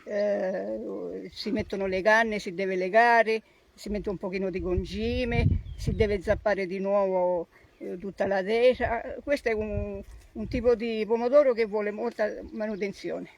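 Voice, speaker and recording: Speaking informally outdoors on a rural plot, a traditional tomato grower, an older Sicilian woman with a Sicilian Italian accent, explains farm tasks in plain, folksy phrases she repeats. Her mid-range voice is steady, a bit slow, and marked by vocal fry, and the audio quality is poor.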